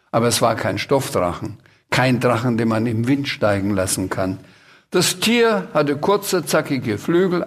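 A man reading his own children's story aloud at a live festival event. He tells it in a lively, chatty way and sometimes turns aside to explain things to the listeners. His voice sits in an ordinary middle range. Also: medium pitch.

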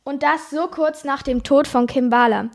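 A teenage girl presenting a school library podcast, reading a book excerpt aloud in a lively, expressive way. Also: high-pitched, moderate pace.

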